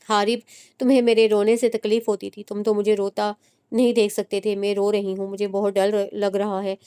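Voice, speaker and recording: A woman's voice: medium pitch, level tone, normal speed, dark tone, clean tone, no room sound, close to an everyday voice. A woman voicing a heartbroken young woman who speaks with intense despair. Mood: pleading.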